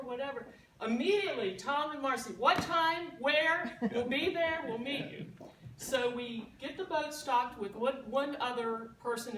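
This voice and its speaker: A woman telling a lively, laughing story as a party guest giving a toast. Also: high voice, a little hiss or hum. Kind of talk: storytelling speech. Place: party room. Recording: echoey room, distant mic.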